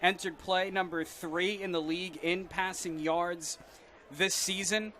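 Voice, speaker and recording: A man's voice: high-pitched, steady tone, measured pace, bright, forceful tone. An American man giving live play-by-play commentary on a football game. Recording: faint outdoor background noise.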